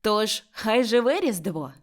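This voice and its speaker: A woman's voice: a little high, takes it slowly. Woman voicing an eager, cheerful young man. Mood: pleading. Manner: eager, pleading and excited.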